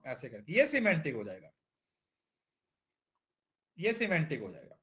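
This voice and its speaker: A man's voice: a little high, huge pitch swings, a little slow, a bit bright. A male teacher giving a classroom lecture, mixing in English terms and often checking that students understand. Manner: keeps checking understanding, repetitive.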